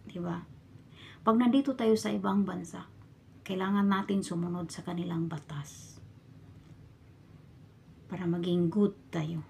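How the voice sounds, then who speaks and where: A woman from the Philippines, a domestic worker abroad, telling her story in a casual vlog and often dropping into a hushed whisper. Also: lowish voice, fairly even intonation, unhurried, creaky, pauses often, a little hiss or hum. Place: a bedroom in her employer's home.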